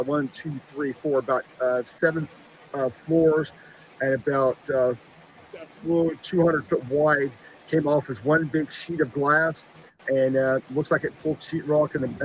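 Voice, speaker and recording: A man giving an unscripted live field report as a storm chaser, halting and repeating himself. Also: medium pitch, fairly even intonation, a little hiss or hum, poor audio. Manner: halting, repetitive delivery.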